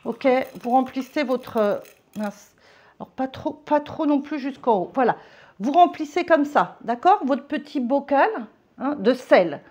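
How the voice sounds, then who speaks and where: A woman vlogger walking viewers through a ritual step by step, chatty, constantly checking in with quick little questions. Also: sits high, expressive, a little mellow. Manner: chatty, keeps checking in with "ok?" and "d'accord?"; slips between formal and familiar address. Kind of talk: casual how-to demonstration. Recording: dull lo-fi home recording.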